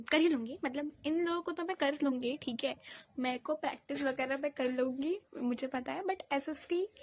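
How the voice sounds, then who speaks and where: High-voiced teen girl ranting dramatically. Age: teens. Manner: dramatic, exasperated complaining with repeated phrases. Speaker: student vlogger. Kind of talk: casual vlog rant. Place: at home while studying. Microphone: phone camera.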